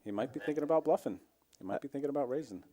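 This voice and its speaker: A man's voice: mid-range voice, racing. A man commentating a live poker stream, walking through each hand play by play. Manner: relaxed play-by-play, explains the hand.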